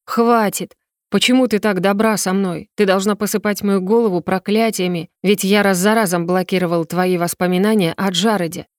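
A woman reading a storybook voices a tormented, harsh young male elf, speaking in a strained, slowed, pleading way. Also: medium pitch, steady tone, no echo, clean studio sound, natural voice. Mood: anguished.

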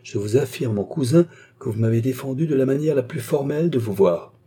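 A man's voice: medium pitch, lively intonation, a little fast, dark tone, slightly rough. A man reading an audiobook, voicing an earnest young man who speaks firmly and respectfully to his older cousin. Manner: earnest, firm.

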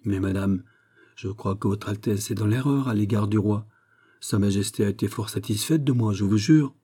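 Young courtier, polite and falsely innocent, read by a man with a low, dark, mellow voice. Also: normal speed, breathy edge. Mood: deferential. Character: evasive young male courtier, feigned naivety. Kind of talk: audiobook reading.

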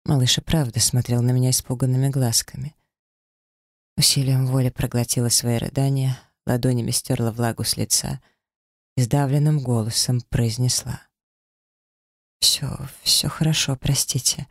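A man's voice: mid-range voice, level tone, normal speed, darkish tone, no room sound, clean studio sound. A man reading a first-person story as an audiobook narrator, dramatic and emotional.

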